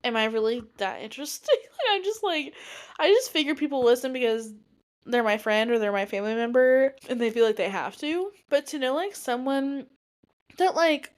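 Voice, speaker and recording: A woman's voice: high-pitched, expressive, moderate pace. A woman in her twenties hosting her own podcast, talking casually and rambling with many fillers. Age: 20s. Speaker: podcast host; teacher. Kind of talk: casual solo podcast monologue.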